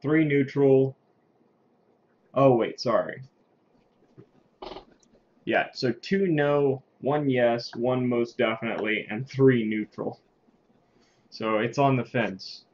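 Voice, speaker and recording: A man's voice: mid-range voice, steady tone, a little mellow. Man leading a casual online meeting. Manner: informal, halting, tallies votes aloud. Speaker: meeting leader. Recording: muffled call audio with faint noise.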